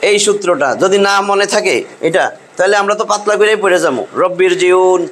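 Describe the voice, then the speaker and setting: A man's voice: sits high, quick pace, a bit bright, slight background noise. A man teaching a Quran recitation class, patiently repeating each rule with drilled examples. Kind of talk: classroom tajweed lesson.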